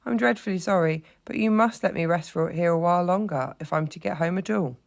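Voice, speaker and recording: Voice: mid-range voice, a little fast, creaky, pitched above the performer's own voice, lightly acted. A reader voicing a timid, frightened small male mole in a storybook read-aloud, with a plaintive, quavering manner. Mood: pleading.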